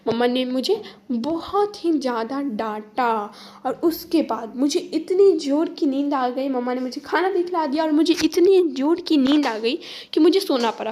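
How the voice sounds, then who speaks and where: A woman voicing a cheeky little boy, high and playful. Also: a little mellow. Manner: playful sing-song narration with lots of repetition. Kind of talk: parent narrating a child's day in his voice.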